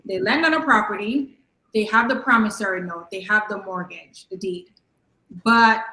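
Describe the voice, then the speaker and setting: A woman's voice: mid-range voice, bright, forceful tone. Chatty Jamaican woman co-host, echoey. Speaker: podcast co-host. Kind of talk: casual interview questions.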